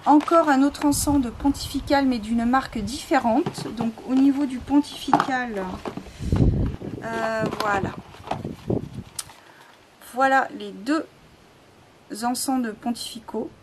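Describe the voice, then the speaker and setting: A woman showing items she sells in a casual video, speaking slowly with many fillers and self-corrections. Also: high-pitched. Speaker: spiritual seller showing items for sale. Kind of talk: casual product show-and-tell. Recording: noisy home recording.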